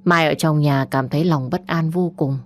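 A woman narrating an audiobook story in calm, measured scripted narration. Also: low-pitched. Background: faint music.

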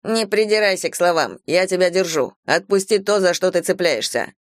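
A steady young man, firm and dryly joking in his speech, voiced by a woman narrator in a lower register. Heard close and dry like a storybook reading. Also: normal speed, no echo, lightly acted.

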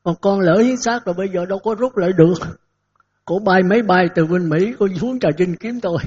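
Older monk, husky, folksy sermon. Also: male voice, high voice, brisk, darkish tone. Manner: folksy storytelling, acts out dialogues, chuckles. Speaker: Buddhist monk giving a dharma talk. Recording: dull lo-fi recording.

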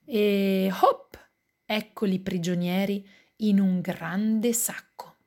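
A woman who works as an educator and musician, reading a picture book aloud for young children in an expressive way. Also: mid-range voice. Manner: slow, expressive storytelling.

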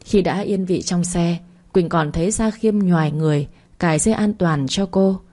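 A woman narrating a romance story as a calm, steady audiobook reader. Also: fairly low pitch, moderate pace.

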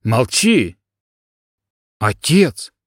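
A man voicing a grief-stricken young heir, shouting in anguish. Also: medium pitch, big pitch swings, very slow, dry recording, clean studio sound, heavily acted.

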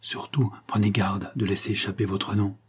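A man's voice: mid-range voice, normal speed, dark tone, slightly rough, natural voice. A man reading the lines of a secretive young cadet who speaks in confiding tones.

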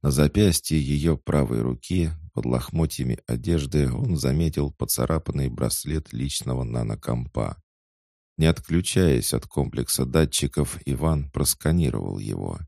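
A man narrating a science fiction audiobook in a measured, even storytelling manner. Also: extremely low pitch, vocal fry, no echo, clean studio sound. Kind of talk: scripted narration.

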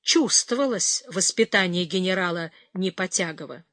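A woman narrating an audiobook in a measured, scripted reading. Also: lowish voice, fairly bright tone, dry recording, clean studio sound. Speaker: audiobook reader.

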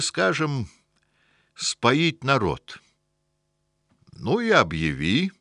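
A man's voice: lowish voice, fairly bright tone, dry recording, studio quality, pitched above the performer's own voice, exaggerated voice. A man voicing a sardonic, weary old miracle-worker. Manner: sardonic, grumbling.

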